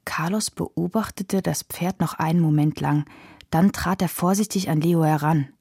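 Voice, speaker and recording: A woman narrating a children's audiobook in a calm storytelling voice. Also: deep voice, normal speed, vocal fry, slightly rough, no echo.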